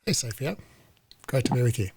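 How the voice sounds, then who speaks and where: Man hosting a relaxed online webinar. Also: medium pitch, brisk, a little hiss or hum. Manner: relaxed, conversational, frequent fillers and restarts. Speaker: host, company CEO. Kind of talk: live online webinar presentation. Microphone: video call.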